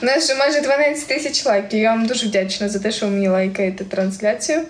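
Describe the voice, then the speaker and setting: Speaking fast in a steady, highish voice, she reads out viewer comments on her live stream and giggles frequently. She's a young woman from Ukraine with a central Ukrainian surzhyk accent, heard in an echoey room with faint background noise.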